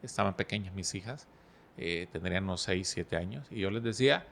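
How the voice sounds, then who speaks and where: Calm man telling stories. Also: sits low, gravelly. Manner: storytelling, explains with analogies, calm and measured. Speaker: podcast guest speaker. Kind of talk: relaxed podcast conversation.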